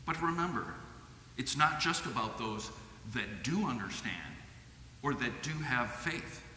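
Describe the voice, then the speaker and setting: A middle-aged man with a Midwestern American accent delivers a sermon from a lectern microphone in a measured, earnest manner. His voice has a bright tone and reaches the mic with a long church reverb and a faint hum of ambience behind it. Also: medium pitch, animated. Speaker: lay preacher. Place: church sanctuary with stained glass. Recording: echoey church hall.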